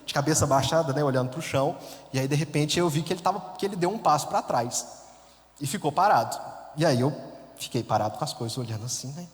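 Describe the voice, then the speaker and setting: A priest from the interior of Minas Gerais, with a Minas accent, telling a story in a sermon in a chatty, self-mocking way and laughing often. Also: male voice, medium pitch. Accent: Minas Gerais Brazilian Portuguese. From interior of Minas Gerais, Brazil. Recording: long hall reverb.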